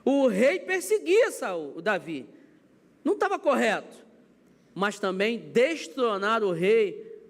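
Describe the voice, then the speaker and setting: High-voiced Brazilian pastor preaching. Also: male voice. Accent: Brazilian Portuguese. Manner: animated, acts out everyday scenes with quoted voices. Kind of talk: sermon. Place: church sanctuary. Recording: long church hall reverb.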